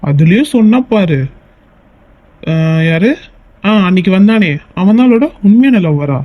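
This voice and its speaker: A man's voice: sits high, lively intonation, unhurried, no room sound, dull audio. A man voicing a protective young male lover in a cartoon, stern and questioning.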